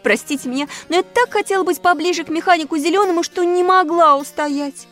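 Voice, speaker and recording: A woman voicing a flustered shape-shifting girl disguised as a boy, talking in shrill, excited bursts in a storybook reading. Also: fast talker, soft background music. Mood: pleading.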